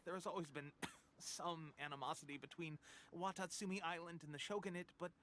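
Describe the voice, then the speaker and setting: Voicing a young resistance fighter for a game cutscene, a male actor sounds earnest and coughs between lines as if sick with a cold. His tone sits on the high side, fairly bright, and close to his everyday voice.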